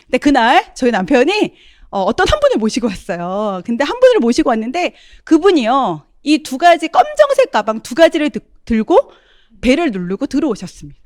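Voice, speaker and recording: A woman's voice: high voice, huge pitch swings, brisk, darkish tone, no echo, studio quality. A middle-aged woman giving a testimonial talk, often turning to address her audience as she tells her story.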